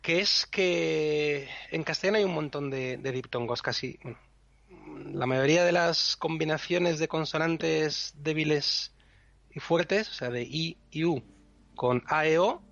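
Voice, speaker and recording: A man's voice: on the high side, a little slow, creaky, a bit bright, dry recording, muffled recording. A man patiently explaining pronunciation rules on a podcast, spelling out syllables one by one. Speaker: podcast co-host teaching Elvish pronunciation.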